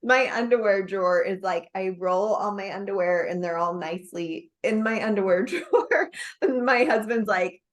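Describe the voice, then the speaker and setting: A woman in her thirties chatting as a podcast guest. She tells stories with giggles and animated bursts, in a mid-pitched voice. Her delivery is easygoing and conversational. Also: moderate pace. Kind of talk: casual podcast chat.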